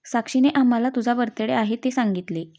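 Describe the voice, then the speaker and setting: A woman's voice: a little high, a little fast, dark tone, close to an everyday voice. A woman doing a cheerful, fond mother. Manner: fond, laughing tone.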